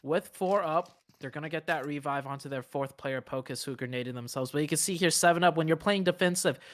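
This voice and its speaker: A man giving analytical esports commentary in an explanatory, measured way with some fillers. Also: fairly high pitch, background noise. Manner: explanatory, measured, uses fillers like you know.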